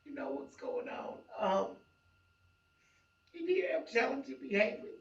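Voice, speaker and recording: A woman who works as a family support specialist, speaking earnestly in a recorded interview and pausing often. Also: high voice, animated. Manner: earnest, halting, with many fillers. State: emotional, close to tears. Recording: echoey, muffled, mic at a distance.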